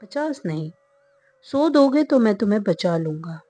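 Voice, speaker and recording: A woman voicing a crafty, greedy village priest who speaks softly while bargaining. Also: medium pitch, big pitch swings, measured pace, no room sound.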